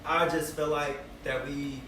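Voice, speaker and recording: A Bay Area rapper in his twenties, guesting on a casual interview, talks in a slightly high, level voice at an unhurried pace. His reflective, loose chat is packed with fillers and "you feel me." The mic is distant and noisy, with a roomy echo.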